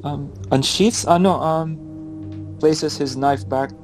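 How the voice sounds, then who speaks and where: A male tabletop player who talks very slowly, feeling his way through each sentence with ums and restarts. Faint music sits behind him. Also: a little high, low-quality recording. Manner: hesitant, many ums and restarts. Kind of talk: tabletop role-play chat.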